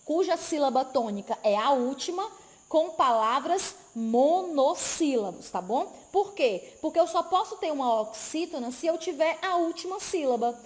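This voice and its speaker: A woman's voice: sits high, lively intonation, normal speed, a little mellow. A woman teaches an exam-prep grammar class, explaining step by step and checking in with tag questions. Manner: didactic, frequent tag questions, emphatic repetition. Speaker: Portuguese teacher.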